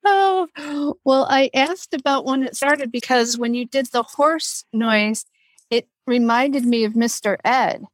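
A woman's voice: sits high, takes it slowly, dry recording. A woman hosting a podcast interview, friendly and laughing often. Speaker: podcast host.

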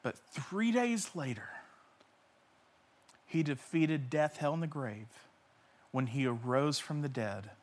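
A man pastor preaching a sermon with passion, swinging between loud cries and hushed near-whispers, repeating key phrases for emphasis. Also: fairly high pitch, expressive, slow pace, pauses often.

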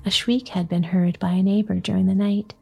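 A woman reading a story aloud in a soft, breathy whisper, storytelling at bedtime. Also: mid-range voice, little pitch movement, fairly quick, faint music behind.

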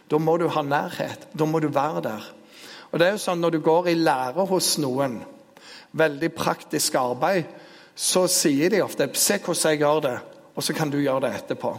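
A man preaching a sermon, retelling a story with lively storytelling. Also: a little high. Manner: storytelling, grows animated and loud in the retelling. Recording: long hall reverb.

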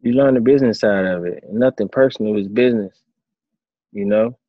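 A man in his thirties, a former quarterback turned coach, answering interview questions in a relaxed storytelling way. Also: on the low side, a little fast, dry recording, phone-quality sound. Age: 30s. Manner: relaxed storytelling, acts out his own past thoughts.

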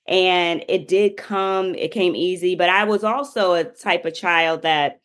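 Woman guest, lowish voice, chatty storyteller, casual interview. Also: fairly even intonation, unhurried, fairly bright tone. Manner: chatty, many fillers like "you know".

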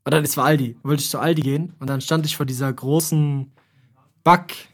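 Young man, podcast host, casual chat, playful, exaggerating, slightly high voice. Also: fairly even intonation, brisk. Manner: joking, playful, exaggerated storytelling.

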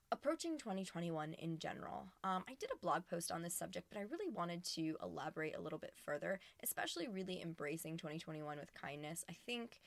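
Woman podcaster, recorded inside a closet, dead dry sound, earnest casual chat, vocal fry. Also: lowish voice, no room sound. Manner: chatty and earnest, with frequent restarts. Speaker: podcast host. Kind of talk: casual solo podcast talk. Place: small empty closet in a family cabin.

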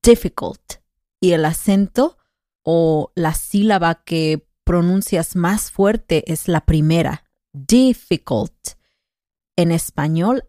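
A woman's voice: low-pitched, warm tone, no echo, studio quality. A woman co-hosting a conversational Spanish lesson podcast, patiently explaining grammar rules with examples.

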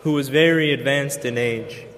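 A man's voice: mid-range voice, fairly bright tone. Man preaching in a reverberant church. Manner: earnest, measured, with pauses. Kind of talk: sermon.

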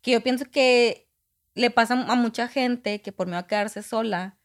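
A woman's voice: a little high, normal speed. A woman, a podcast guest candidly telling a personal story and acting out what people said. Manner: candid, acts out quoted dialogue.

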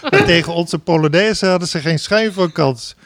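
A man reading a comic story aloud on a talk show, switching to loud sung party chants and laughing along. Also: a little high, normal speed, over a noisy crowd. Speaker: reader of a book passage on a talk show.

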